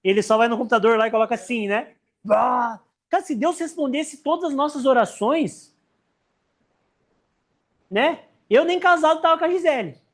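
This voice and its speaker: A man with a Brazilian accent teaching a church Sunday school class, joking and acting out Bible characters. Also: very high-pitched. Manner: animated, joking, acts out Bible characters in quick voices.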